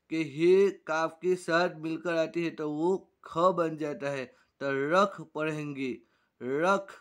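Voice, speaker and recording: A man teaching an Urdu reading primer, slowly repeating each word to drill it. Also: on the high side, a bit bright. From Gujarat, India.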